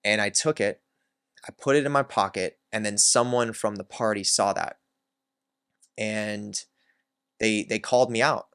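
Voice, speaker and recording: A man's voice: fairly low pitch, fairly even intonation, a little slow, pauses often, fairly bright tone, smooth, dry recording, studio quality. A man hosting his own channel, candidly telling a personal story in a reflective way, with many filler words. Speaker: self-help channel host.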